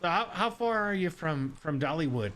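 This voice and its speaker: A man's voice: fairly high pitch, animated, a bit bright, a little hiss or hum. A man chatting casually with a friend while gaming, joking, swearing and laughing often. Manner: profane, joking, quick to laugh. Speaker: gamer. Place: Saint Louis.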